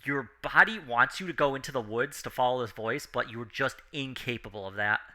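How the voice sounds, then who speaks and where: A man's voice: mid-range voice, fairly quick, bright, forceful tone. A man running a tabletop game as game master, narrating and asking players for moves.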